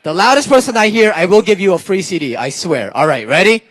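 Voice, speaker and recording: Fast and expressive, a high, fairly bright male voice carries this stand-up set before a live crowd, with no room sound. The young man, a Philippines-born, California-raised comedian and spoken word performer, jokes, laughs and chats playfully with the audience.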